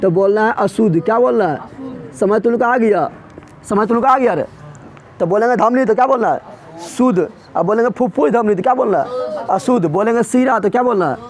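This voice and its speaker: A male teacher lectures a class at a fairly quick pace, his voice high and light. His explanations are colloquial and forceful, punctuated by rapid quiz questions aimed back at the students.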